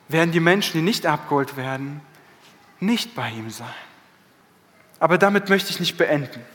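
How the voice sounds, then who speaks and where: A man preaching an Easter sermon with dramatic emphasis, often slowing his words down. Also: fairly high pitch, fairly bright tone. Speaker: pastor. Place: church hall. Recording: church hall reverb.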